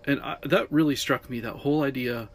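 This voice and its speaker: A man hosting a casual religious podcast from inside a camper van, talking in a halting, conversational way that trails off. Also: mid-range voice. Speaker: podcast host.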